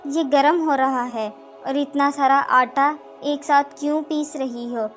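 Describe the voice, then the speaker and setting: A woman's voice: high-pitched, fairly even intonation, soft background music, natural voice. A woman reading the lines of a grief-stricken husband pleading with his dying wife, in a sorrowful, pleading way.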